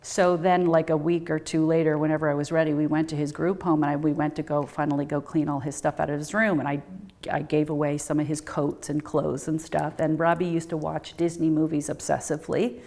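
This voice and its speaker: A middle-aged woman with a low, deep-set voice tells a personal story as a guest in a conversation. She animates it by acting out what people said, her pitch leaping up for the quoted lines. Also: a little fast. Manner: animated, acts out quoted dialogue with big pitch jumps.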